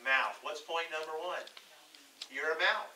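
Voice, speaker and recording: A Texan man preaching in a church, his voice very bright and sitting a touch high. He reads scripture slowly and draws spoken answers from the people in the pews. The sound is roomy and distant, as though picked up from far off in the sanctuary. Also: expressive, a little hiss or hum. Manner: folksy, calls for congregation responses, reads scripture slowly. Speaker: pastor. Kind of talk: sermon.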